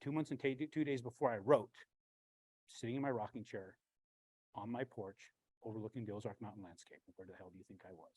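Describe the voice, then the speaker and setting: A branch manager tells stories in a blunt, animated way, swearing frequently in a husky voice. He speaks briskly at a lowish pitch, with no room sound on a rough recording.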